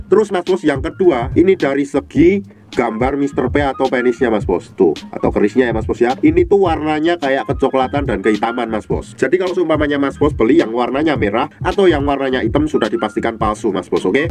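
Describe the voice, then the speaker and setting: A man's voice: mid-range voice, a little mellow. A young man with a stuffy, nasal voice from a cold, chatting casually as he shows off a product and keeps addressing the viewer directly. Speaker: herbal product seller and host.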